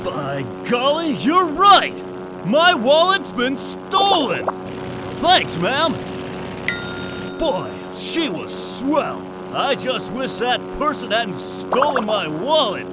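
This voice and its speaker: A man's voice: very high voice, huge pitch swings, slow pace, music in the background, exaggerated voice, low-quality recording. A man voicing a cheery, gullible, wholesome hero pilot in a cartoon game, earnest and hammy. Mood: cheerful, clueless.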